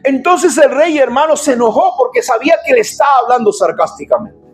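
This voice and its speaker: High-voiced man preaching emphatically. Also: big pitch swings, a little fast, soft background music. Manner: emphatic, urgent, bursts into shouting. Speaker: pastor. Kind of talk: sermon.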